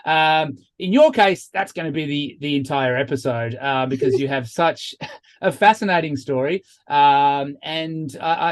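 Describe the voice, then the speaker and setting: Rambling, slightly high-voiced podcast host. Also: male voice. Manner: rambling questions full of fillers and restarts. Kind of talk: casual interview.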